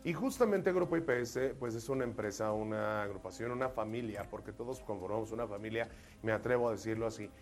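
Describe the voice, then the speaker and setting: Joking Mexican talk-show co-host. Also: male voice, fairly low pitch, fast talker. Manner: jokey storyteller, acts out voices in jokes. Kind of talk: live talk show chat.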